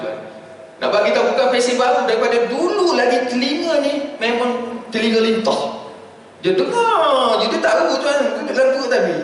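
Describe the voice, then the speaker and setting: A male preacher with a Malaysian accent giving a dawn religious lecture. He jokes with his audience, calls them sirs, and slows down to chant Arabic verses. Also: very high-pitched. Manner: animated and joking, addresses listeners as sirs. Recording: very echoey hall, distant mic, faint hiss.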